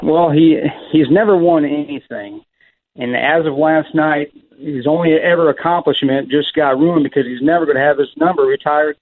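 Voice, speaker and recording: A man's voice: fairly high pitch, fairly even intonation, moderate pace. Blunt male caller on a muffled tunnel-like phone line. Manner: blunt, argumentative, dismissive. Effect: muffled phone headset line that sounds like a tunnel. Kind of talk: call-in radio talk.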